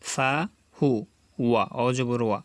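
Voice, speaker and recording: A man teaching Quran reading, sounding out each syllable slowly and patiently and repeating it for learners to echo. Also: medium pitch, fairly even intonation. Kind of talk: slow spelling drill lesson.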